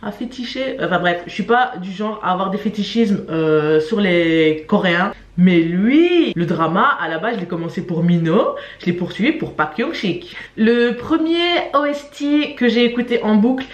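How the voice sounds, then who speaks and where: A young adult woman with a mid-range voice chats casually and expressively to camera in an informal vlog, at a moderate pace with hardly any pauses. She often stresses and repeats words for emphasis, filmed in a small room at home with roomy indoor echo.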